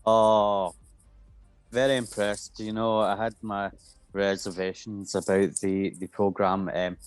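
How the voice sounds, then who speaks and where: A male co-host with a fairly low voice, thinking out loud on a casual podcast. He pauses and restarts as he works through his ideas, with faint music in the background. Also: flat delivery, clean tone, dry recording. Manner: hesitant, lots of um and restarts while musing. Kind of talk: casual pop-culture podcast chat.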